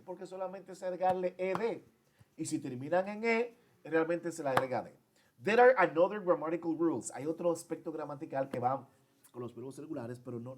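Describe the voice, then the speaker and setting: A man's voice: medium pitch, slight background noise. Male English teacher, explains each grammar rule in both languages. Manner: switches between Spanish and English, repeats and translates each point. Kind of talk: bilingual grammar lesson.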